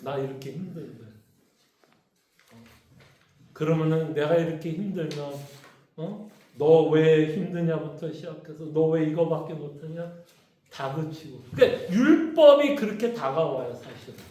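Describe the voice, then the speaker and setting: A man's voice: a little high, measured pace, pauses often, mellow. A man, a pastor, leading a Bible study in a conversational way and often asking his congregation questions. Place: church hall. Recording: echoey church room.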